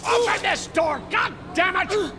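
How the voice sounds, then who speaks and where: A man's voice: very high voice, animated, measured pace, raised voice, heavy background noise. An actor playing a furious, foul-mouthed older father in a video game, bellowing threats. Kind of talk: dramatic video game acting.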